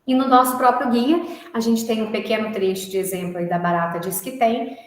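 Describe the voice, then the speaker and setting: A woman teaching a music class, walking through each point patiently and checking in with listeners as she goes. Her voice sits a little high for a woman. The sound rings heavily around a very echoey room. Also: steady tone, a little fast. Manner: explanatory, checks in with tag questions. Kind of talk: recorded online class.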